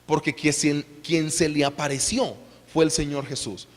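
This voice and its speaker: A man in his thirties with a Colombian accent, preaching a sermon in an animated, conversational way and putting questions to the congregation. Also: fairly high pitch, unhurried. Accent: Colombian Spanish. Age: 30s. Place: church. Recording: long reverb of a church hall.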